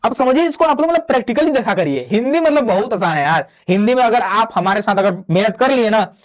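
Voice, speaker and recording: A man's voice: sits high, lively intonation. A man teaching a Hindi grammar lecture, explaining step by step and posing questions to the class that he answers himself. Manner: drawn-out spoken demonstrations of vowel sounds; chatty classroom asides to students. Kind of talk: online exam-prep lecture.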